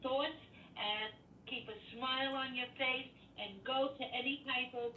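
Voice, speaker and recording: An older woman makes casual conversation as a co-host. Her voice is fairly high. She sounds a little far from the mic in an echoey room, with faint noise behind her. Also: steady tone, unhurried, pushed and bright. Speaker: co-host, host's mother. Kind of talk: casual chat.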